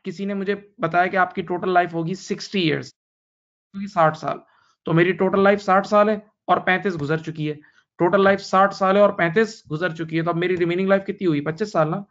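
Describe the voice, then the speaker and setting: A man's voice: a little high, a bit bright, lo-fi sound. A man in his thirties with an Indian English accent, teaching accounting in a recorded online lecture and repeating key points patiently to his students. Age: 30s. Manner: repeats key points, addresses students as beta, mixes English terms into Hindi.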